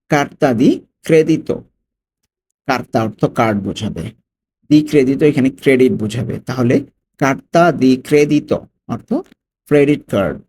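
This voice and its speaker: A man teaching a vocabulary lesson, repeating each word slowly and stressing the foreign words. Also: medium pitch, dark tone, a little hiss or hum. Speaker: language tutor.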